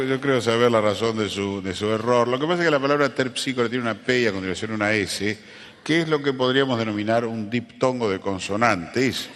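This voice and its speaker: A man's voice: mid-range voice, fairly bright tone, close to an everyday voice. A man doing a pompous pronunciation expert. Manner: pedantic, mock-learned lecturing. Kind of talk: live comedy sketch. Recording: live stage recording with long reverb and hiss.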